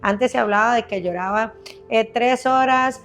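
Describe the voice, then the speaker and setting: A woman's voice: on the high side, normal speed, a bit bright. A woman specialist patiently explaining baby health on a podcast, step by step, often checking in with her listener.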